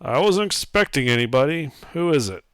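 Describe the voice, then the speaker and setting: A man voicing a gruff, sarcastic half-orc in a tabletop game, blunt and grumbling. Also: a little high, animated, brisk, fairly bright tone, dry recording, studio quality, voice pushed up. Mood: gruff, suspicious.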